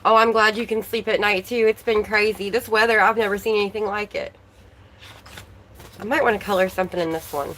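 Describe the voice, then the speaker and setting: A chatty woman hosting a relaxed livestream, talking along and greeting viewers by name. Her voice is a little worn, as if she is losing it. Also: medium pitch, a little fast, a little hiss or hum, low-quality recording. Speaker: livestream host. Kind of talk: casual livestream chat.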